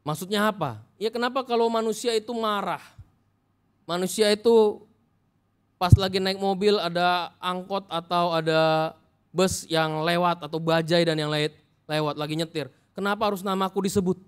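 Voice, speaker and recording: A high-voiced man preaches a Sunday sermon in a church. He moves between earnest exhortation and playful jokes to the congregation. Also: normal speed, clear, resonant tone. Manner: humorous, animated preaching. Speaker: pastor.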